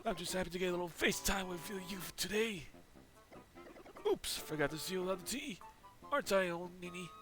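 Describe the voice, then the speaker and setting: A rambling, forgetful old turtle. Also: male voice, high-pitched, fairly quick, a bit bright, soft background music, pitched above the performer's own voice. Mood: apologetic. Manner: rambling, keeps losing his train of thought.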